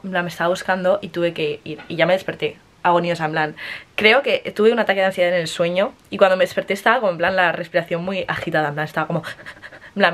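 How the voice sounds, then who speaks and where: A woman, chatting casually to camera in a vlog, swearing freely and slipping in English words. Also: medium pitch. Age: early 20s. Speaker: vlogger.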